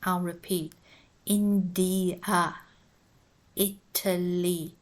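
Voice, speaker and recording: Woman teacher, very slow and measured, low-pitched voice, spells words out letter by letter. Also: little pitch movement. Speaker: English teacher. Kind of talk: slow, careful pronunciation lesson.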